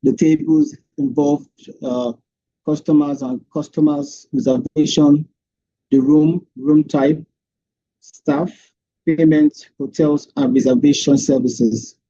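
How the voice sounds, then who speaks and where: A man presenting his capstone project over an online meeting, heard through screen-recorded call audio, walking through his slides with frequent hesitant pauses. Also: on the high side, muffled recording, a little hiss or hum. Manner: steady walkthrough with frequent hesitant "um"s. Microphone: computer or headset mic on a video call.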